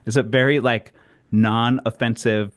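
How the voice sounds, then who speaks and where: Man, podcast co-host, casual chat, relaxed, middle-pitched voice. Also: measured pace. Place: New York.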